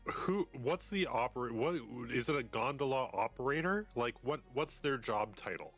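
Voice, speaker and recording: A man's voice: mid-range voice, expressive, normal speed, a bit bright, soft background music. A man playing a tabletop game, asking casual questions of the game master. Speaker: player. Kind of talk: casual chat.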